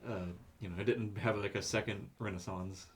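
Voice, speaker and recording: Stammering young man, lowish voice. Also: fairly even intonation, fairly quick. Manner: stammers and restarts, hedging before his point. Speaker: podcast co-host. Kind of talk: casual chat.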